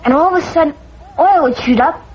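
A man's voice: extremely high pitch, fairly quick. A boy actor with an American accent playing a naive, curious, kindhearted young schoolboy son in a 1950s family sitcom. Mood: wistful. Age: child. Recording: dull, noisy old TV soundtrack.

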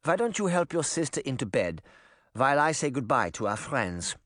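A man's voice: medium pitch, big pitch swings, normal speed, fairly bright tone, dry recording, studio quality. A man voicing a kindly elderly grandmother in an audiobook. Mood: gentle.

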